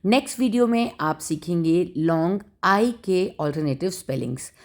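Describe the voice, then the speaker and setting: A woman teaching a phonics lesson, slowly spelling out sounds and repeating example words. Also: fairly low pitch, lively intonation. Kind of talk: phonics lesson narration in Hindi with English.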